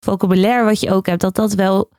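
A woman's voice: medium pitch, fairly even intonation, fairly quick, a little mellow, dry recording. Female co-host, dry studio-close voice. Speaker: podcast co-host and radio worker. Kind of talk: casual chat.

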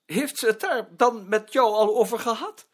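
A man's voice: very high voice, moderate pace. An actor playing a prim male office director who talks hesitantly, stammering now and then. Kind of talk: drama acting.

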